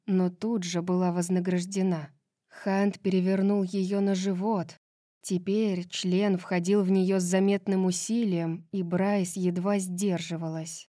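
A woman narrating a fantasy novel as an audiobook, reading in a slow, measured way. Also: mid-range voice, mellow, dry recording, studio quality.

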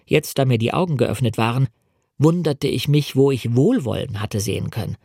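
A man reading a novel aloud as an audiobook in a measured, dramatic first-person storytelling manner, in a studio. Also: mid-range voice, animated, gravelly, warm tone, no room sound. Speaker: audiobook reader. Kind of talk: scripted audiobook narration.

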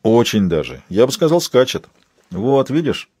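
Quiet, dry-spoken detective with a husky voice, read by a man, audiobook figure. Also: mid-range voice, big pitch swings, moderate pace, dry recording. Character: calm, weary male detective.

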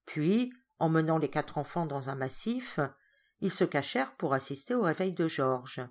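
A woman reading a classic children's novel aloud as expressive audiobook narration. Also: deep voice, normal speed. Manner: expressive storytelling. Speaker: audiobook reader. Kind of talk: scripted narration.

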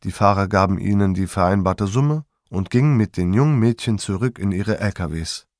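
A man calmly narrating his memoir in a measured storytelling manner. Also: low-pitched, no room sound, studio quality.

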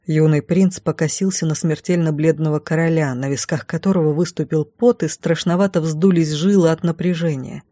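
A woman narrating a first-person fantasy audiobook in a measured, calm way. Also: low-pitched, dry recording.

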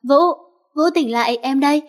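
A woman voicing a young heroine who is cold and deadly with enemies but soft and pleading with her lover. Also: sits high, steady tone, brisk, natural voice.

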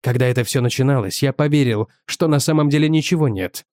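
A man's voice: mid-range voice, fast talker, darkish tone, dry recording, studio quality, natural voice. A man voicing a jealous, bitter husband who accuses his wife with sarcasm, in an audiobook reading. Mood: accusing.

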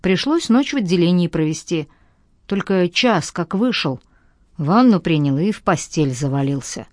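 A drowsy, mumbling young man spinning lazy lies over the phone, as a woman reader puts him on. His voice sits low and dark for her, close and dry with no room sound. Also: animated, normal speed, dry recording, lightly acted. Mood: sleepy lying. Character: tired hungover young man, evasive liar.

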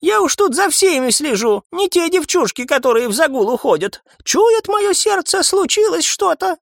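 Male narrator doing an old woman at the front desk, very high, fretful, homely. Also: very animated, normal speed, gravelly, no room sound, studio quality, heavily acted. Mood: worried. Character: fussy elderly female building watchwoman.

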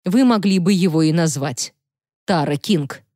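A woman reading the lines of a serious male defense lawyer in an audiobook, firm and measured. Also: fairly low pitch, mellow, no room sound, clean studio sound. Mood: grave.

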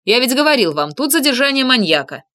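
A woman's voice: high voice, sing-song, quick pace, pushed and bright, voice pushed up, exaggerated voice. A grumpy, lanky male detective, as a woman reader puts him on, scolding and indignant in a story read aloud. He argues sharply and grumbles at everyone around him. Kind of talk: audiobook character reading.

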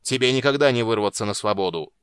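A man voicing a stern bearded male gnome wizard who booms out commands in an audiobook. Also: fast talker, clean tone, dry recording, natural voice. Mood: commanding. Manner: loud, booming commands.

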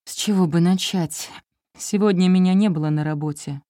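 A woman reading an audiobook, voicing a troubled young husband who speaks quietly and gently. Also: fairly low pitch, moderate pace, no room sound, studio quality, natural voice. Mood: somber.

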